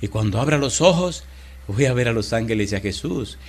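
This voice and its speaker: A man quoting a dying six-year-old boy in a sermon, speaking softly and comfortingly. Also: mid-range voice, animated, a little fast. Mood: tender.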